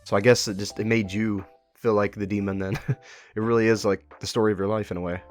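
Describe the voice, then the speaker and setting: This man talks fast in a lowish voice with a flat delivery. He's the host of a relaxed interview about a web horror series, posing curious, encouraging questions over background music.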